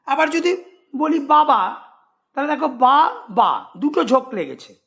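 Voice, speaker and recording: Patient man teaching, lively pitch. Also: quick pace, creaky. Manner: explains patiently, repeats examples, asks students if they follow. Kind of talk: grammar lesson for school students.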